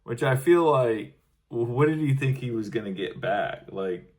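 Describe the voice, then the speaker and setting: A man's voice: medium pitch, animated, normal speed. A man co-hosting a casual comedy podcast, reading news clippings aloud with dry, wry asides. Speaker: podcast co-host.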